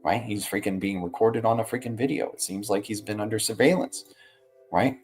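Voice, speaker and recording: Male streamer, deeper side, informal rambling commentary with slangy check-in tags, light music bed. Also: brisk, darkish tone. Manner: rambling, slangy, often ends phrases with "right" and "man". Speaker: livestream host. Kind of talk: casual livestream market commentary.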